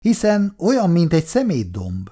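A man voicing a calm, firm older housing committee official who speaks with steady authority, in an audiobook reading. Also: a little high, husky, voice pushed up, full character voice.

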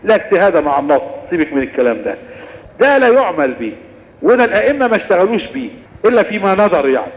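A man with an Egyptian Arabic accent giving a lively religious lesson on Islamic jurisprudence, explaining and answering questions. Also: high voice, quick pace, long reverb tail, muffled recording.

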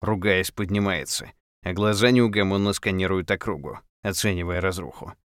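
A man's voice: deep voice, fairly even intonation, moderate pace, fairly bright tone, smooth, no room sound, studio quality. A man narrating a first-person story in terse, clipped phrases with dramatic intensity. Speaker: audiobook narrator.

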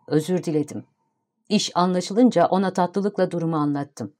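A woman narrating a literary audiobook in a calm, even storytelling manner. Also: on the low side, normal speed.

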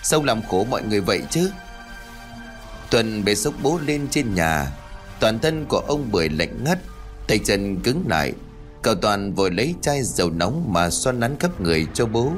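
Male storyteller, low voice with a lively, swinging delivery, ghost-story narration over faint music. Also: moderate pace.

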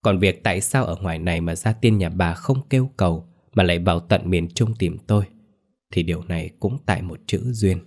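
Man as a grave, calm spirit medium. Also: low-pitched, a little fast.

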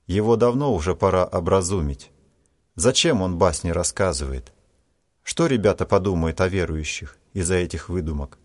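A man reading a story gives voice to a proud, self-righteous schoolboy in a storybook. He speaks sharply and preachily, in a lightly raised register over a low natural voice. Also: normal speed. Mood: scolding. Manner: sharp, scolding.

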